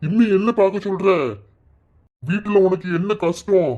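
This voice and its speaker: A man voicing a furious farmer father in a cartoon, shouting accusations in a Kanyakumari Tamil accent. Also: high-pitched, fairly even intonation, moderate pace, muffled recording. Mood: angry. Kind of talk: cartoon voice acting.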